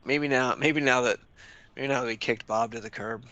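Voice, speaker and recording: A man's voice: mid-range voice, steady tone, moderate pace, pushed and bright, dry recording, lo-fi sound. A man giving casual live sports commentary, with joking banter and frequent chuckles.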